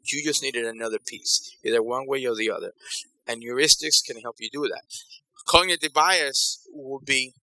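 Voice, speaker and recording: A man from Ecuador leads a college workshop session in an easy, conversational way. His voice is very bright and cutting, recorded close with almost no room sound. He often repeats a phrase to land a point. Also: medium pitch, moderate pace, no echo, rough recording. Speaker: workshop facilitator. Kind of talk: conference breakout talk.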